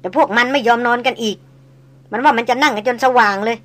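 A coarse-talking old jungle hunter, blunt and jovial, played by a woman reading aloud. His voice sits a little higher than plain talk. He rambles in folksy country speech in a storybook audiobook. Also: fast, a bit bright, close to an everyday voice. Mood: worried confiding.

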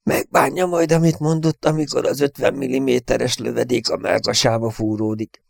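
A man's voice: on the low side, darkish tone, dry recording, studio quality, natural voice. A man voicing a terrified young male navigator brooding grimly over his own death, in an audiobook reading. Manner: grim, brooding inner voice.

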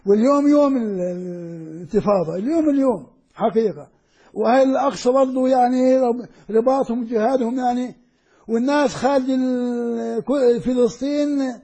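An older man delivers a classroom lecture in a strikingly high, husky voice with a mellow, dark tone. He explains slowly and repeats key words, drawing them out as he goes. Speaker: Quran lecturer.

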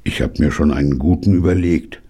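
A man reading an audiobook and voicing a quiet, sceptical young man who talks in a dry, flat way. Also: rumbling low, a little fast, breathy edge.

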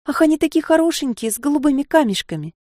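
A woman's voice: a little high, animated, moderate pace, dark tone, no echo, studio quality, voice pushed up, natural voice. A woman voicing a naive sixteen-year-old maid, dreamy and tearful, who chatters in a breathless, pleading way. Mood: tearful distressed.

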